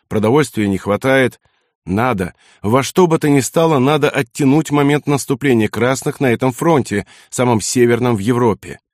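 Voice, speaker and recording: A man voicing a blunt, self-assured German SS general who talks in a gruff, commanding way. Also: mid-range voice, darkish tone, no room sound, studio quality, lightly acted. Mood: urgent.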